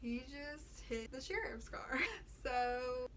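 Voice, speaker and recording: A young American woman chatting casually as a vlogger, telling a story in an animated, slangy way and quoting the dialogue. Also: high voice, takes it slowly. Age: young adult. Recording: clear background noise.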